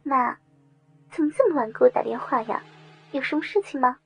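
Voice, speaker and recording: A woman's voice: sits high, a little fast, gravelly, husky, soft background music, heavily acted. A woman voicing a young college-aged daughter, coaxing and concerned. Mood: coaxing, worried.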